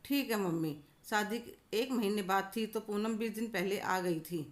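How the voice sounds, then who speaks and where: A woman narrating a scripted family story in a calm, steady manner. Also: mid-range voice, moderate pace.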